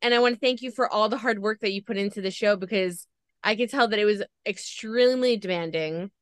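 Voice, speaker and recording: Effusive female host, smooth resonant voice, dry recording. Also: medium pitch, brisk, dry recording. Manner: gushing, effusive. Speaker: podcast host. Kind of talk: emotional interview chat.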